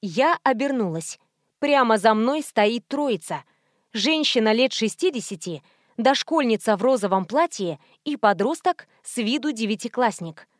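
A woman narrates a first-person audiobook with a lively, wry delivery. Her voice sits a little high and the recording is dry and close. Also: unhurried, no room sound.

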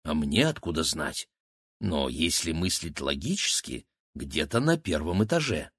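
A man's voice: very deep voice, sing-song, unhurried, fairly bright tone, husky, dry recording, studio quality, voice pushed down, exaggerated voice. A man reading as a level-headed teenage boy. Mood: dry. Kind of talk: audiobook character voice.

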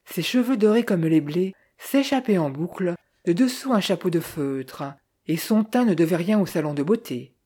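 A woman reading a novel aloud in measured, scripted audiobook narration. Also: on the low side, expressive, warm tone, breathy edge.

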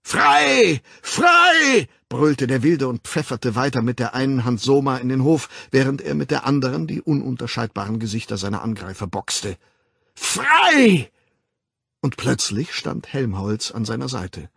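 Male audiobook narrator, dramatic storytelling, husky voice, gravelly fry, dry close sound. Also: medium pitch, normal speed, hardly any pauses, dry recording. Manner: dramatic, shifts into character voices. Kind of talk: scripted novel narration.

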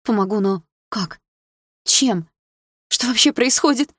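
Casting: a woman playing a distraught young woman, high, loud and sobbing, in a dry booth. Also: unhurried, slightly rough, no echo. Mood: anxious. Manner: sobbing, self-loathing, frantic. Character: panicked tearful young woman on the phone.

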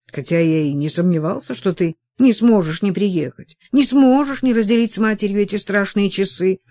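A woman's voice: mid-range voice, moderate pace, warm tone, pitched above the performer's own voice, lightly acted. A woman reading a kindly family friend. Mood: reassuring.

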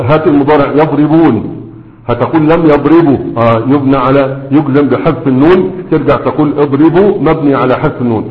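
A man with an Egyptian Arabic accent teaching a grammar lesson. He slows down to recite examples and keeps checking that the class follows him. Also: on the high side. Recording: roomy hall echo, dull lo-fi sound.

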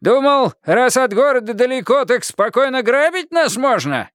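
A man's voice: high voice, sing-song, a little slow, creaky, dry recording, clean studio sound, pitched above the performer's own voice, heavily acted. A man voicing a cranky old male watchman who mocks and barks orders, in an audiobook. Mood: furious. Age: older. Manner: shouting, mocking, bossy. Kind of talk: audiobook character voice.

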